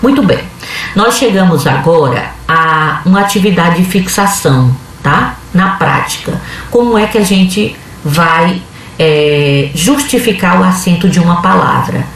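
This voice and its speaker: A woman's voice: lowish voice, expressive, measured pace, a little hiss or hum. A woman teacher, giving a video lesson and explaining patiently step by step with frequent checks. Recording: echoey room, voice from a distance.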